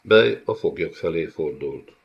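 Male narrator, very low voice, steady dramatic reading; slightly muffled recording. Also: vocal fry, husky. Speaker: audiobook narrator. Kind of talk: scripted fantasy narration.

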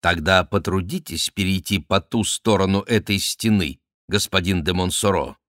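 A man's voice: low voice, moderate pace, fairly bright tone, no echo, clean studio sound. A man reading an audiobook, voicing a mocking, politely insolent young nobleman in an ironic, teasing tone. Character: mocking cool young male courtier, a nobleman.

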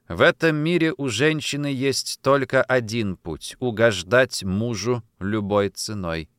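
Male reader as a frail stern old mother, slow weary lecturing, smooth clear voice. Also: mid-range voice, a bit bright, no echo, clean studio sound.

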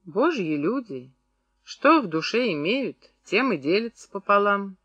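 Quiet pious old peasant woman, softly spoken, read by a man; bright, dry storybook voice. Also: high-pitched, big pitch swings, unhurried, no room sound, highs cut off, full character voice. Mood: calm.

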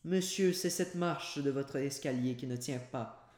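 A man voicing Nanon, a devoted, blunt old servant woman, in a high rustic exclaiming voice, in an echoey room. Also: unhurried, a little mellow, lightly acted. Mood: blunt protesting. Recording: roomy echoey home recording.

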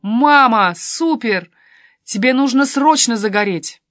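Woman voicing a cheeky teenage girl, pitched high. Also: lively intonation, a bit bright, no room sound, clean studio sound. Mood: teasing. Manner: quick, teasing, pert.

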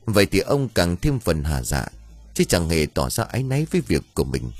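Deep, husky male storyteller. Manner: expressive storytelling. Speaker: audiobook narrator. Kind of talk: story narration.

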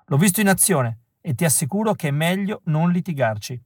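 A man's voice: a little high, animated, brisk, no room sound, studio quality, voice pushed up. A man doing a bored tattooed gatekeeper. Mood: friendly. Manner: bored and dismissive. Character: lazy tattooed gum-chewing male gatekeeper.

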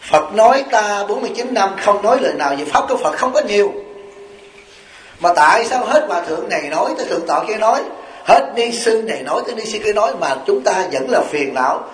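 A man's voice: high-pitched, expressive, quick pace. A man, a Buddhist monk with a Southern Vietnamese accent, giving a sermon in a folksy storytelling way, with rhetorical questions and acted-out quotes. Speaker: Buddhist monk and abbot giving a dharma talk. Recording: echoey hall recording.

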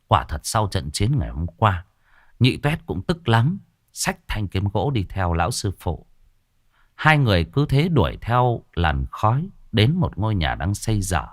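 A man narrating a ghost story in a lively, dramatic way. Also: fairly low pitch, a little slow, no echo, studio quality.

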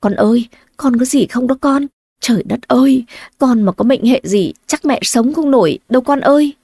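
A woman's voice: sits high, normal speed, dark tone, husky, dry recording, pitched above the performer's own voice. A woman voicing a frail elderly mother who cries out in panic for her daughter. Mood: tearful. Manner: wailing, crying out.

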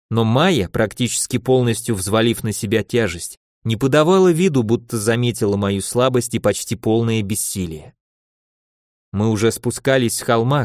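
A man narrating a first-person audiobook in a measured, steady reading. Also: mid-range voice, no room sound, clean studio sound.

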